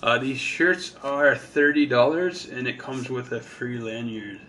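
Co-hosting an event live stream, a man explains merchandise and prizes in a casual way, announcing the details with plenty of fillers. His voice sits in the mid-range, with a measured pace and a sharp tone.

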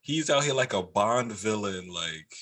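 A man co-hosting a podcast in casual, blunt and profane chat, quick to argue a point. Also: on the low side, lively intonation, a bit bright.

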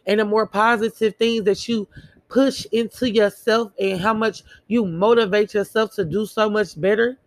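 A woman speaks in an earnest, emphatic motivational monologue and hammers her points home through repetition. Her voice has a gravelly, fry-laden edge, and the recording is close and dry, with no room sound. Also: mid-range voice, steady tone, moderate pace, no room sound.

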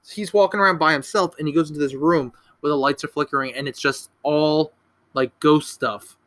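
A man's voice: a little high, steady tone, a little fast, a bit bright. A young man casually recapping a horror movie on a podcast, rambling, swearing and correcting himself as he goes. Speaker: podcast co-host.

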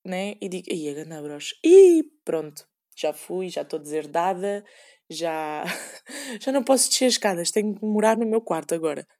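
A woman's voice: on the low side, fairly quick, darkish tone. A young woman with a European Portuguese accent, rambling sarcastically in a casual solo podcast and acting out quoted voices. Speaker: podcast host.

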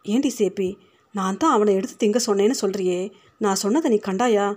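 Sly stingy old man in a storybook, a woman reading him, coaxing then snapping, mid pitch. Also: a little fast, darkish tone, lightly acted. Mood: scolding. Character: old male Brahmin householder, stingy and sly.

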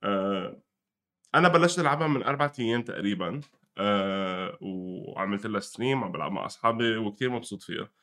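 A man's voice: fairly low pitch, quick pace, a bit bright. A young man with a Lebanese Arabic accent chatting casually about gaming, mixing in English gaming terms. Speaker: gaming commentator and guest. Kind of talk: casual conversational gaming news chat.

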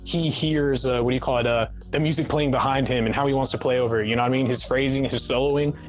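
A man's voice: medium pitch, steady tone, fast. Rambling young man, music underneath. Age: 20s. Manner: rambling, repeats "what do you call it". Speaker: podcast guest. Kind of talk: casual chat.

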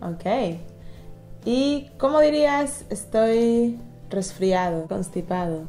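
A woman's voice: a little high, slow, warm tone, faint music behind. A woman co-hosting a bilingual language lesson, playfully asking how to say things and laughing easily. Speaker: co-host asking questions.

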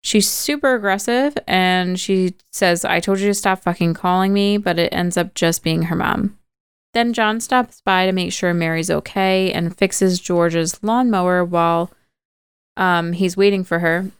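A woman's voice: on the low side, measured pace, clear, resonant tone, no echo, clean studio sound. A woman podcast host casually retelling a movie plot, chatty and full of "like" and "kinda".

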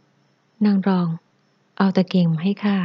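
A woman's voice: medium pitch, flat delivery, unhurried, slightly rough, highs cut off. Woman reading as a fearless noble lady. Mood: commanding. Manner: curt commands.

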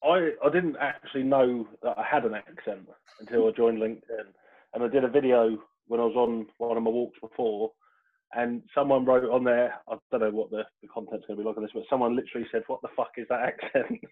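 A man's voice: medium pitch, a little fast. English man with a Portsmouth accent on a tinny call line. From Portsmouth, England. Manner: relaxed, storytelling, laughs easily. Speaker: podcast guest. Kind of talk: casual chat. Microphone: video call. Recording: tinny phone-like call audio.

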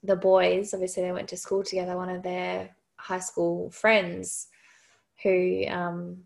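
A woman's voice: on the low side, monotone, measured pace, gravelly. A young woman chatting in a laid-back, casual way. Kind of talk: casual chat.

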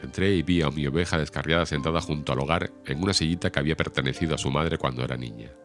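A man narrating a classic novel as an audiobook in a steady, measured storytelling manner. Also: extremely low pitch. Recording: music behind the reading.

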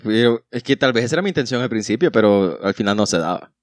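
A man's voice: mid-range voice, expressive, quick pace, no room sound, studio quality. A man, trading crude, goofy jokes and stories in casual podcast chat. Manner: crude, teasing, goofy storyteller. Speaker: podcast co-host.

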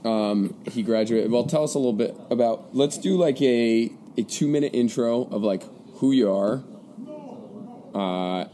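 A man's voice: mid-range voice, measured pace, warm tone. A man in his twenties with a congested, stuffy nose, hosting a casual podcast in informal, upbeat slang. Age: 20s. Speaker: podcast host. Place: outdoors by a pool. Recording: outdoor recording with clear background noise. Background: birds, people and music.

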